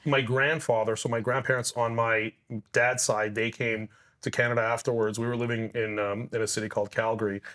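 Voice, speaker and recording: A man's voice: medium pitch, level tone, fairly quick, a bit bright. Man telling stories with many restarts. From Ukraine. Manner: reflective storytelling with frequent restarts. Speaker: podcast guest. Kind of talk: casual conversation.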